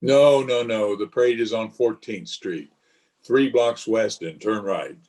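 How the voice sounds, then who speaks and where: Man playing low-voiced, wry Mayor La Trivia. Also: a little slow, a little mellow, close to an everyday voice. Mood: flustered. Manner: formal, sarcastic, getting tongue-tied. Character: dry, wry, easily flustered small-town mayor. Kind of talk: old-time radio comedy acting.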